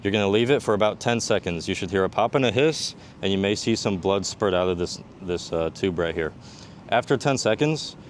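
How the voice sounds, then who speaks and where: A man with a fairly low voice walks through a practical demonstration as a military medical instructor. He explains methodically, one step after another. There is some faint ambient noise, like vehicle rumble, behind him. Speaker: army combat medic instructor.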